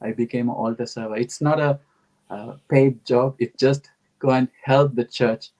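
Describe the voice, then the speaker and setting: A man's voice: medium pitch, fairly even intonation, normal speed, a little mellow, poor audio. Earnest Sri man recalling his life. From Sri Lanka. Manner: earnest, reflective storytelling. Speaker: guest. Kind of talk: conversational interview answers.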